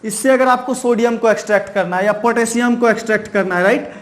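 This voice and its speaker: A man teaches a science class in a very high voice. He keeps asking questions and answering them himself, and he repeats key terms slowly. He closes each point with "right". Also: steady tone. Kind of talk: chalk-and-talk science lesson.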